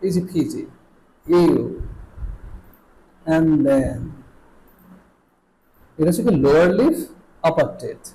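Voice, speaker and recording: A man teaching English letter sounds, repeating each sound slowly and patiently. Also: a little high, lively intonation, warm tone, rough recording.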